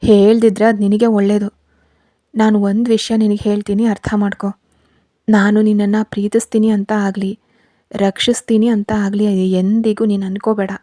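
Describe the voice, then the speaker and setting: A cold, cruel young husband in a spoken storybook, snapping his words out loud and harsh, as a woman reader puts him on. The voice is dark and mellow, recorded close and dry with no room sound. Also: medium pitch, little pitch movement, moderate pace, no echo, natural voice. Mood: angry.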